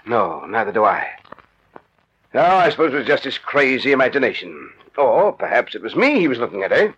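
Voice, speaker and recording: An actor playing a brisk, blustery, anxious police commissioner in an old radio drama. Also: male voice, medium pitch, breathy edge. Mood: relieved, puzzled. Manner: brisk, excitable. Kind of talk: vintage radio drama acting. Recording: muffled, noisy old radio drama recording.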